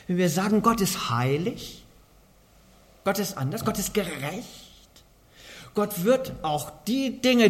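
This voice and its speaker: A man preaching a sermon in an earnest way, asking the congregation many rhetorical questions. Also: high-pitched. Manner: earnest, asks rhetorical questions, varies loudness a lot.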